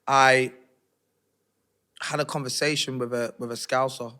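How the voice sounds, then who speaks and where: A man's voice: mid-range voice, measured pace, clear, resonant tone. Streetwise man telling his story. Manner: streetwise, animated, slangy retelling with acted-out quotes. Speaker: interview guest. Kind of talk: candid storytelling interview.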